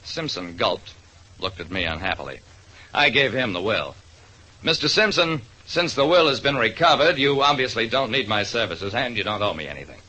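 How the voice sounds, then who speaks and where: Playing a wry private eye in a 1940s-style radio drama, an actor gives dramatic narration of his case. His fairly low voice is animated, pushed and bright, at a moderate pace, and the vintage recording is noisy.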